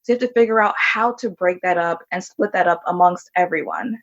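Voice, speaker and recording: Low-voiced young woman on muffled audio. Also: a little fast. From Jamaica. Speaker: medical student guest. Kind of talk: interview answers. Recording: dull lo-fi remote audio.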